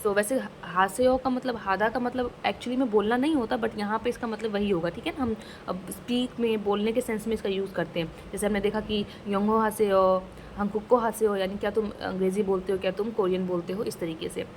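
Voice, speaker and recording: Woman teaching phrases, slow repetition. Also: mid-range voice, steady tone, slight background noise, low-quality recording. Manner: explains slowly, repeats phrases twice; mixes English words into Hindi. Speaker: Korean language teacher. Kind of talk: casual language lesson.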